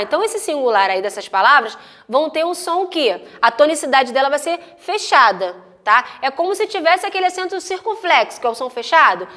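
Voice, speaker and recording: A woman's voice: sits high, a bit bright. A woman teacher speaking Brazilian Portuguese, patiently walking children through grammar rules step by step and often checking that they follow. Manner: drawn-out, carefully spoken example words. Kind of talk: recorded classroom lesson for children.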